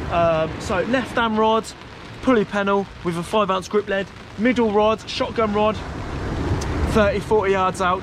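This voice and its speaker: A high-pitched man, working as a fishing vlogger, chats casually and a bit hesitantly to a camera held at arm's length. He's outdoors on a stormy beach under an umbrella, and the rain and weather come through clearly on the recording.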